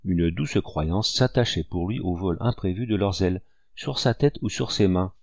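A man reading an old storybook aloud in a measured, expressive way. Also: deep voice, vocal fry, no echo. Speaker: audiobook reader.

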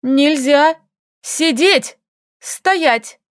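A woman reading an audiobook voices a frantic young woman, shrill and panicked. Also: extremely slow, dry recording, clean studio sound. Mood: scolding, shaky. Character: panicky young woman facing monster flowers.

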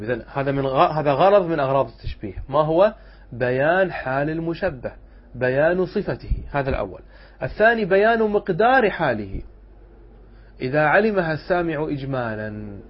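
A male scholar giving a classroom lesson, asking and answering his own questions and repeating examples slowly. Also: mid-range voice, breathy edge, lo-fi sound. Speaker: Islamic scholar teaching rhetoric. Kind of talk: classroom lesson explaining a poem.

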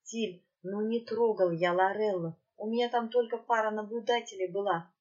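A woman's voice: mid-range voice, lively intonation, unhurried, husky, lo-fi sound. A woman playing a wary male demiurge. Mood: placating. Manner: pleading, placating. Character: sly male demiurge, cautious and placating. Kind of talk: audiobook character reading.

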